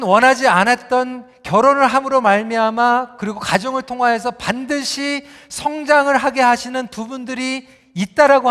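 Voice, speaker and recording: A male pastor preaching a sermon, telling the story in a lively way and speaking straight to the congregation. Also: extremely high pitch, big-room sound. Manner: animated storytelling, addressing the congregation directly.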